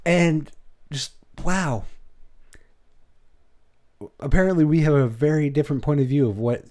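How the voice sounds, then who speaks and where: A man's voice: fairly high pitch, unhurried, warm tone. A man with a Maine accent giving blunt, rambling reaction commentary as host of his channel.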